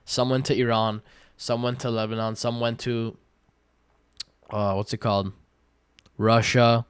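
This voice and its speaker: A twenty-year-old man livestreaming, reading viewer questions aloud and answering in relaxed, slangy chat full of fillers. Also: mid-range voice, unhurried, smooth, no room sound. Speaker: day-trading livestreamer.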